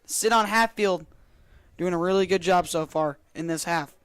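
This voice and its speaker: Guy doing color commentary for football, high voice, dry sound, hyped and emphatic. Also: normal speed, a bit bright, clean tone, dry recording. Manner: enthusiastic, emphatic, repeats phrases.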